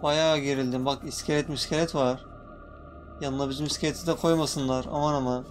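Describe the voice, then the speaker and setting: A man's voice: mid-range voice, fairly quick, soft background music. A young man giving casual, jumpy gaming commentary, nervously reacting to creatures and talking to viewers. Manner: jumpy, excitable, swearing playfully at in-game creatures. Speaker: gaming YouTuber. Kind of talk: casual Let's Play commentary.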